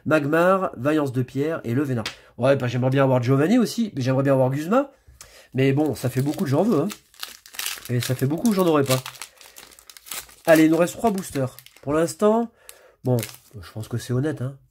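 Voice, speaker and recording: A man's voice: medium pitch, expressive, brisk, a little mellow, slight background noise. A man casually commenting as he opens trading card packs, chatty and muttering card names as he flips through them. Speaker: YouTuber opening card packs. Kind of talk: casual pack-opening commentary.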